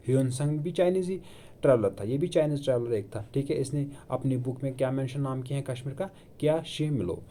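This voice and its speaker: Male tutor, mid pitch, dark relaxed tone, self-quizzing lecture delivery. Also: a little hiss or hum. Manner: asks and answers his own questions, repeats key terms; Hindi with English terms mixed in. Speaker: exam coaching teacher. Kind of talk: classroom lecture. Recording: online video lecture.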